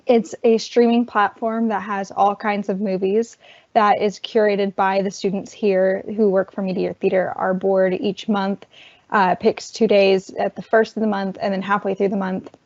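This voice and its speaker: A woman student worker giving a virtual orientation presentation, chatty and losing her voice, clearing her throat. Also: medium pitch, level tone, moderate pace, a little mellow. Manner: chatty, explains while cueing slides. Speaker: student worker presenting campus film events. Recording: dull lo-fi online call audio.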